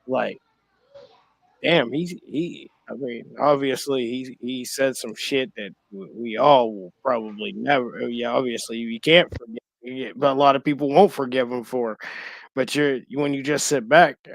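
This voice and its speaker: A man's voice: medium pitch, gravelly, no echo. Rambling man in casual podcast chat. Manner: rambling, halting, many restarts and fillers. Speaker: podcast co-host.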